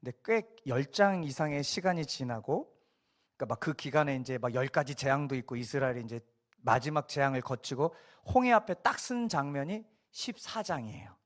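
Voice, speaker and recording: A middle-aged man preaching a Sunday sermon as a pastor, telling stories and acting out the people he quotes. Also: a little high. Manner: animated storytelling, acts out quoted voices.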